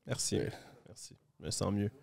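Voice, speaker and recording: A man's voice: fairly low pitch, moderate pace, vocal fry, darkish tone, no room sound, studio quality. A young man with a Québécois accent, a podcast guest who jokes around. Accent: Québécois French. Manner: goofy, jokey. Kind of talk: casual podcast chat.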